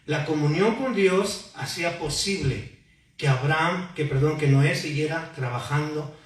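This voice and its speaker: Picked up by a faraway mic in a very echoey church hall, a pastor preaches unhurriedly in a voice on the high side. He asks the congregation questions and prompts them to respond.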